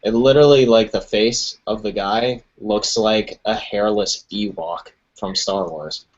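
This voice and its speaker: A man in his early twenties, a music producer appearing as a guest, talks casually about music on a podcast in a lowish, unhurried voice. He's laid-back, swears freely and laughs a lot, and the stream audio is dull and lo-fi.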